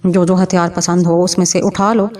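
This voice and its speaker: Grave honest tribe chief, woman reading him, mellow voice, mic a bit far off. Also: fairly low pitch, flat delivery, lightly acted.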